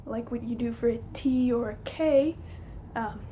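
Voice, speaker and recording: A young adult woman with a slightly high voice talks through an informal lesson to camera. She explains step by step, a little hesitantly. The home recording has some noise behind her. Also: measured pace, warm tone. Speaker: linguistics teacher. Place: small room at home, indoors.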